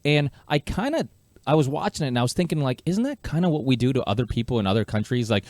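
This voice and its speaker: A man's voice: medium pitch, animated, fast talker, a little mellow, no room sound. A man born in Portugal hosting a podcast, talking in a loose, chatty way. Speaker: podcast host. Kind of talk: casual podcast conversation.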